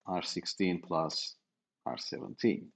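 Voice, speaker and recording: A man's voice: sits low, takes it slowly, vocal fry, fairly bright tone, breathy edge. A middle-aged man giving a university lecture, explaining step by step with fillers and self-corrections.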